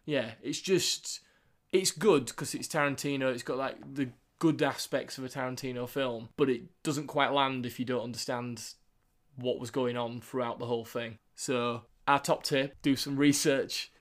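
A man's voice: mid-range voice, steady tone, normal speed. A man with a Northern English accent hosting a film podcast in an informal, jokey, sweary chat style. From England. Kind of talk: casual chat.

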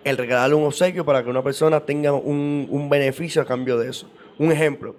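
Man explaining at length, slightly high voice. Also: steady tone, quick pace, darkish tone. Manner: explains at length with frequent repeats and restarts. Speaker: guest on esoteric topics. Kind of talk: casual explanatory interview talk.

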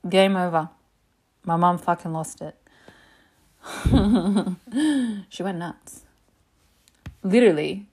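A woman telling personal stories in a casual, animated way, swearing freely and saying "like" a lot. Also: on the low side, takes it slowly, pauses often, husky. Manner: animated, profane, lots of "like". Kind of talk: casual storytelling.

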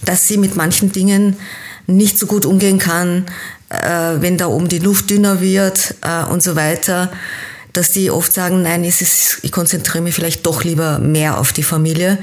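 A woman from Kenya speaks as an interview guest in a fairly low voice. She explains things at length and thoughtfully, often pausing to hesitate. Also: steady tone, darkish tone. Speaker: interview guest, team-building coach.

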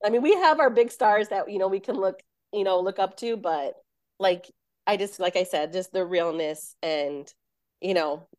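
A woman's voice: medium pitch, moderate pace, dry recording, clean studio sound. A woman hosting an interview, praising her guest in a gushing way with lots of "you know" fillers. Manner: gushing, warm-hearted praise with many fillers. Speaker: host. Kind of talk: casual interview chat.

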